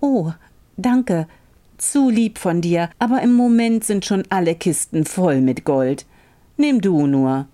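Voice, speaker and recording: A rich, greedy old farmer from a fairy tale, gruff with his servants and falsely sweet when cornered. A woman voices him with a dark, grumbling edge. He is scheming and sour. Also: on the low side, animated, takes it slowly.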